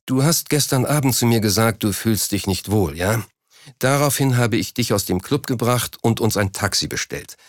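Casting: a panicky, indignant official with a low voice, dry close sound, read by the narrator. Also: male voice, normal speed, no room sound, close to an everyday voice. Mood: urgent. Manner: anxious and indignant. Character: flustered, panicky government official caught in scandal.

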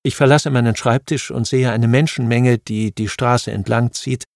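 A man narrating a history audiobook in a measured, even reading. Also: mid-range voice, creaky, no echo, studio quality. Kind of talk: scripted narration of history nonfiction.

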